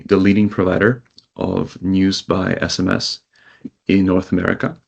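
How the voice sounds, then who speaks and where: A man who grew up in Israel, a company CEO, giving measured interview answers over a call and listing things one by one. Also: deep voice, gravelly, highs cut off. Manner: measured, lists items one by one.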